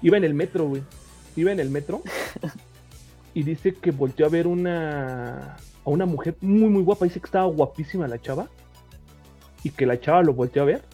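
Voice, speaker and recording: Mexican man, husky, a bit high-pitched, teasing storyteller, faint music. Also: moderate pace. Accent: Mexican Spanish. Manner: animated, teasing, repeats himself. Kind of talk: casual chat.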